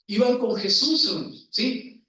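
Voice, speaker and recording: A man with a very high-pitched, sharp voice preaches in a church, speaking slowly and emphatically and frequently questioning the congregation. The room is echoey and he sounds distant.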